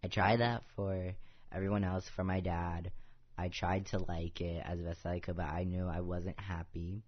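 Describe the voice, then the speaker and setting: Young adult male guest, deep low voice, casual earnest storytelling heavy on "like", muffled lo-fi podcast sound. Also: little pitch movement, normal speed. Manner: earnest, fills nearly every phrase with "like". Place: office podcast set.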